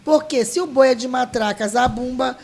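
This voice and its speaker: High-voiced woman. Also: normal speed, creaky, darkish tone. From Maranhão, Brazil. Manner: heartfelt, full of restarts and quoted dialogue. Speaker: guest, leader of a folk dance group. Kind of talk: emotional storytelling.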